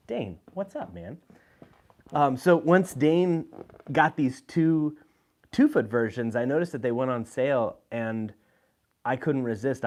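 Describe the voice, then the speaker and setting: A man's voice: medium pitch, darkish tone. A man hosting a live video, talking casually about his gear, with frequent fillers and restarts. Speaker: host. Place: indoor room with lights.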